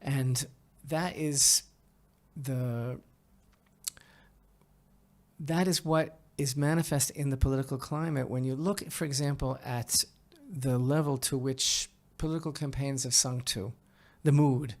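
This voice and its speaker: A man hosts a podcast, offering conversational opinion commentary in a halting, emphatic way, repeating phrases and often checking in with the listener. His pitch is medium and his intonation fairly even.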